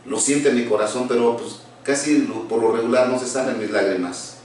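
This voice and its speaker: A man preaching as a pastor, earnest and halting, with many restarts and fillers. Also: mid-range voice, darkish tone, a little hiss or hum. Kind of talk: sermon. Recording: very echoey room, voice from far off.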